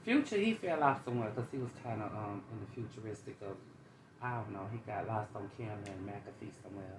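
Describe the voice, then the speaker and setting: A woman co-hosting a podcast in casual chat, blunt and quick to hold the floor. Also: a bass voice, expressive. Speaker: podcast co-host. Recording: echoey room with faint ambient noise.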